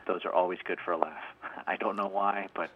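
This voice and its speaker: A man's voice: low voice, fairly even intonation, fairly quick, lo-fi sound. A man in his thirties answering interview questions in a chatty, thinking-aloud way. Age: 30s. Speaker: interview guest. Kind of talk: casual interview.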